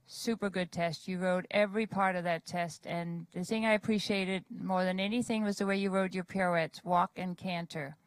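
Low, even-voiced woman judge. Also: moderate pace, few pauses, no room sound, low-quality recording. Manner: encouraging, repeats words for emphasis. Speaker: dressage judge giving feedback. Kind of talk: spoken feedback to a rider.

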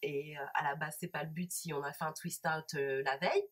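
A woman vlogger talking casually about hair products she bought, pausing often with fillers and restarts. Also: sits low, steady tone. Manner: hesitant, many fillers and restarts. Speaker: beauty vlogger. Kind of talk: casual product haul review.

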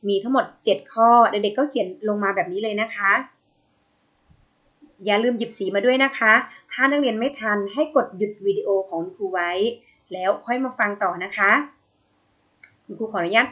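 A woman with a Thai accent teaching English to young pupils in a recorded video lesson, gently drawing out model phrases for the children to repeat. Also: medium pitch, moderate pace. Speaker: primary school English teacher.

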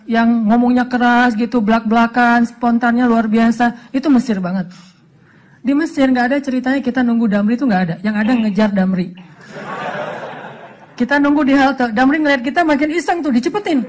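A man's voice: extremely high pitch, a little fast, background noise. A man from Aceh preaching a humorous sermon, telling stories and acting out the voices he quotes. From Aceh, Indonesia. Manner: animated, joking, acts out quoted voices. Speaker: Islamic preacher.

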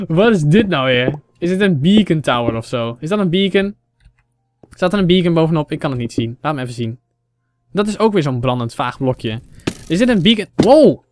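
A young man from the Netherlands doing Minecraft let's play commentary, excitable, exclaiming in English and chatting to his viewers. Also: on the high side, normal speed. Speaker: gaming channel host. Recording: faint game music behind.

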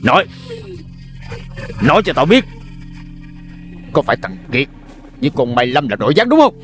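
A man's voice: medium pitch, wildly swooping pitch, normal speed, faint music behind. An actor playing a ruthless male gang boss who interrogates his captives in a menacing, taunting way.

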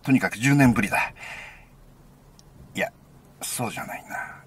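A man reading a first-person story aloud as an intimate, conversational monologue, sometimes dropping into a hushed near-whisper. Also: medium pitch, moderate pace, slightly rough. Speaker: narrator.

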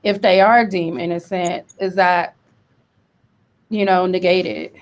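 A woman's voice: fairly low pitch, steady tone, takes it slowly. A woman in her thirties with a Detroit accent, discussing casually as a book club co-host on a video call. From Detroit, United States. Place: indoor room at home, video call. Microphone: computer mic on video call.

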